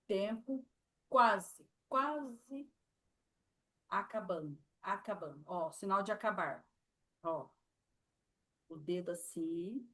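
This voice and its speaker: Slow, patient Brazilian woman teaching signs. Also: on the low side, fairly bright tone. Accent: Brazilian Portuguese. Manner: slow, patient, demonstrating while repeating words. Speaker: sign language teacher. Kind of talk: live sign language lesson.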